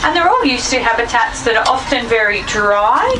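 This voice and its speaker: Woman safari guide, slightly high voice, playful tour commentary and instructions, distant mic, loud vehicle rumble. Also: animated, moderate pace. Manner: addresses passengers with instructions and playful prompts. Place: moving open-windowed safari vehicle. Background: loud vehicle and outdoor ambience.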